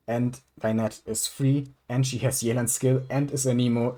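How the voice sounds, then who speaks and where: A man's voice: lowish voice, darkish tone. A young man giving casual, rambling commentary over gameplay, full of ums and the odd swear word. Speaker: gaming YouTuber.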